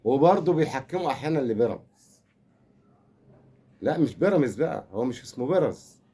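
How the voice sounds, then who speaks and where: An older man with an Egyptian accent rants comically about football, speaking fast and expressively at a medium pitch, his tone dark with a breathy edge. As a fan commentator he rambles, teases and pretends to console.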